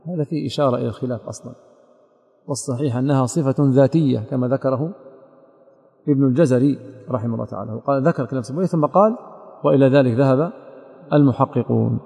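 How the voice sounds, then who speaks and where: Male religious teacher, quick delivery, gravelly edge, methodical lecture, long hall reverb. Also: mid-range voice, dark tone. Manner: methodical, addresses a student directly, quotes scholars. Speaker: sheikh teaching recitation rules. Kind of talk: explanatory lecture on a didactic poem.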